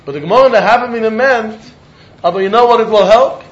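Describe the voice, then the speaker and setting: A man with a Yiddish accent teaches Talmud in a notably high-pitched voice. He argues through questions and answers, circling back over phrases to press each point. The recording is dull and muffled, with clear room echo. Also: fast talker. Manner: argumentative question-and-answer, repeating phrases for emphasis. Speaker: religious teacher giving a Talmud lesson. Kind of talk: Talmud lecture mixing English with Yiddish and Hebrew.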